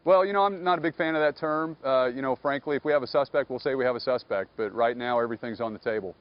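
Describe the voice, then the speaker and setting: A police captain answers questions briskly, his words quick but careful and hedged. His voice sits at a middle pitch, and the sound is muffled and lo-fi like an old broadcast feed. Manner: measured, guarded, many "uh" and "you know". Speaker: police captain, investigation spokesman. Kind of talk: live TV news interview.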